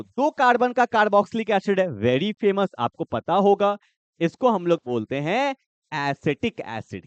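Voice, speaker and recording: A man teaches chemistry in an exam-prep lecture. His voice sits high and swings widely as he fires repeated questions at the students. The sound is smooth and clear, recorded dry with a slightly dull tone. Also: dry recording.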